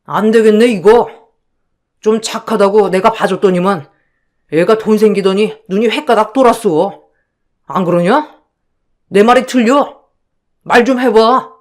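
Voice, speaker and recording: A man voicing a brazen, smooth-talking male con man in a storybook audio drama, wheedling and then abusive. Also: sits high, measured pace, pauses often. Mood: scornful.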